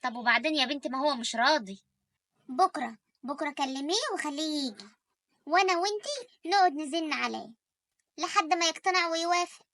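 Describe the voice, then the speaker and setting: A woman with an Egyptian Arabic accent voicing an elderly, pushy, doting mother in an animated story, talking fast and insistently. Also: sits high, no echo. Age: older.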